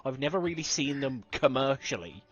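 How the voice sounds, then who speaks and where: A man's voice: medium pitch, sing-song, brisk, dull audio. A man streaming a game over a headset, chatting casually, swearing often and restarting his sentences as he reads from the screen. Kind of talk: casual live-stream chat.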